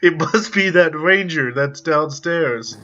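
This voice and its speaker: A man playing in a tabletop game who laughs often and speaks slowly. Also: fairly high pitch, pushed and bright. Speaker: player. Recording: dull lo-fi mic.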